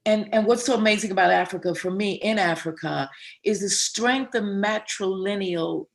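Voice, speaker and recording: A woman's voice: mid-range voice, moderate pace, creaky. A woman interviewer and playwright asking questions in an enthusiastic, effusive way, often restarting her words. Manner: enthusiastic, effusive, repeating words as she starts. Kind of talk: conversational interview.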